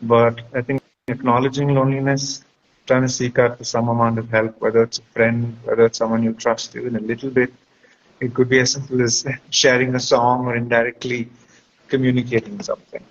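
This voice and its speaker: Speaking briskly in a medium-pitched monotone, a male guest counselor gives conversational, reflective advice and explains his points. He keeps checking with the listener using "right?" over a dull, lo-fi recording with clear background noise.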